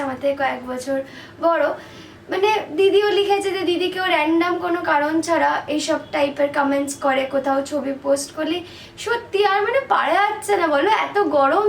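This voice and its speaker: A young woman with a Kolkata Bengali accent chats to her camera, slipping English words into her talk. Her voice sits high. The room sounds roomy, with a faint hiss underneath. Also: a little fast, vocal fry. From Kolkata, India. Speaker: vlogger. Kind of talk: casual vlog chat. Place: home rooms and a restaurant.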